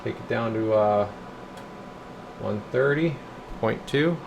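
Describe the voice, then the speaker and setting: A low-voiced man takes it slowly, his speech marked by vocal fry, against a noisy background. As a repair technician presenting a bench test video in an indoor radio repair workshop, he keeps things casual and folksy, muttering to himself at times as he works.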